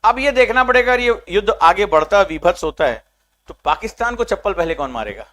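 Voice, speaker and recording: A man giving casual commentary on world affairs, animated and mocking, acting out little scenes as he talks. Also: high voice, fairly quick. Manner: acts out scenes with sound-alike chants. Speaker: political commentator.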